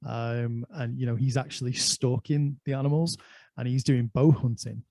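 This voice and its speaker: A man's voice: medium pitch, level tone, moderate pace, gravelly, darkish tone, no room sound. An Irish man hosting a casual conversation, chatty and anecdotal, telling stories from his life. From Ireland. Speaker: host.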